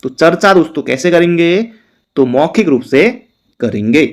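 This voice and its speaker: A young man teaching an exam quiz lesson. He reads each question slowly and explains the answers in quick bursts, calling his listeners friends all the time. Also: on the high side, expressive.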